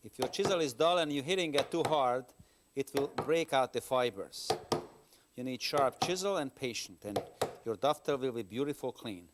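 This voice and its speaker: A man's voice: mid-range voice, animated, normal speed. Man teaching woodworking on worn videotape. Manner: patient, plain-spoken, non-native English phrasing. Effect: worn videotape copy. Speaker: woodworking instructor. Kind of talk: step-by-step instructional demonstration. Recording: hissy worn videotape copy.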